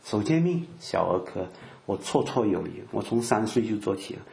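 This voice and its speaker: A man's voice: on the low side, animated, moderate pace, creaky, dark tone, echoey room. A man acting out a smug boastful young man. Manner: dismissive, bragging.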